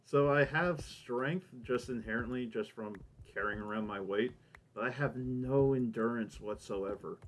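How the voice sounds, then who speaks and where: Poor audio captures a man with a medium-pitched, unhurried voice recording a let's play. He rambles casually through his gameplay commentary, thinking aloud, and a minor lisp makes his S sounds whistle and hiss.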